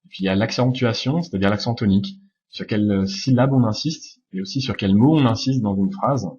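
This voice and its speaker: A man with a fairly low, husky voice gives a slide-based pronunciation lesson. He explains calmly, often pausing on "euh" and slowing down to model each sound. The recording is dull and lo-fi. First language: French. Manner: explains calmly, demonstrates English sounds slowly, frequent "euh" fillers. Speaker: English pronunciation teacher.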